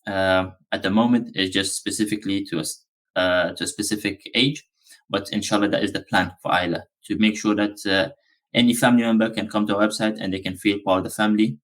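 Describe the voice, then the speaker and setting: On a podcast, a founder from Afghanistan answers interview questions briskly in a voice on the low side. His talk wanders in a relaxed way, with many ums and uhs along the way.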